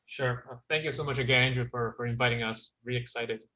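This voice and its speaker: Polite man from Hong Kong, flat bright voice. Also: mid-range voice, dry recording, muffled recording. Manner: polite, halting, restarts words. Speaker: podcast guest, business student. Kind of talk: casual interview talk.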